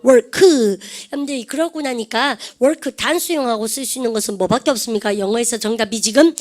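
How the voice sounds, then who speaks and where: A woman's voice: fairly high pitch, fast talker. A woman English teacher giving an online grammar lecture, quizzing her students with constant questions and drilling English words aloud.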